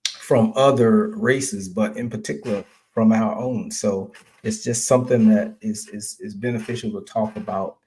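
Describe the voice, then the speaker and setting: A man hosting an interview over a video call, asking halting questions full of fillers. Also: lowish voice, steady tone, darkish tone. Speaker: podcast host.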